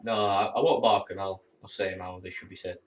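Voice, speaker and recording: A teenage air cadet rambles casually to his camera at home, swearing occasionally when annoyed. He talks briskly in a low-pitched, steady tone, and because he sits far from the mic, the sound is dull and muffled.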